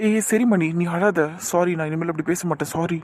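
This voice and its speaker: A man voicing a gentle young man who soothes and lightly scolds a girl, in an amateur audio drama. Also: high-pitched, brisk, a little hiss or hum, close to an everyday voice. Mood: soothing.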